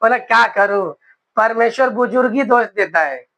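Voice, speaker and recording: High, bright-voiced young male preacher. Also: creaky, low-quality recording. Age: 20s. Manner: exclaims hallelujah often, slows for emphasis. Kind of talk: sermon.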